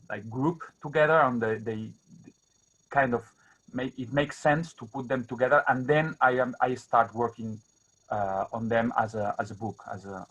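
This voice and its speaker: At an online book launch held over a remote video call, a guest poet with a Catalan accent talks informally about his writing in halting, non-native English, searching for words and repeating himself. His mid-range voice is a bit bright, though the video-call audio is dull and muffled.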